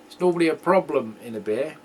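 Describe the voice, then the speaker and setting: A man hosting a homebrew video, chatting casually as he tastes a beer, rambling and joking and often clearing his throat. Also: on the high side, slight background noise. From England. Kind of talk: casual homebrew tasting chat.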